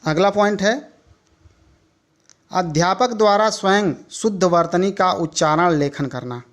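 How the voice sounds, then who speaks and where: Slow, deliberate male Hindi lecturer. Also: high-pitched, fairly bright tone. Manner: measured, listing points one by one with pauses. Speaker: teacher educator. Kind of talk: slow lecture reading from notes.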